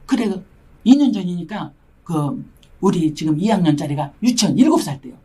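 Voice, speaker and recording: A woman's voice: on the low side, normal speed, breathy edge. An older woman, a missionary, giving an emotional testimony sermon and acting out the voices of the people in her story. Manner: animated storytelling, acts out quoted voices.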